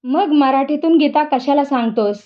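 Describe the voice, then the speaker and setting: A proud old Brahmin scholar scolds indignantly, his voice set a little lower than the reader's own, as a woman reads him. The storybook reading is captured on a dull, lo-fi recording. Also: normal speed, lightly acted. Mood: angry. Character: angry proud elderly male Brahmin scholar.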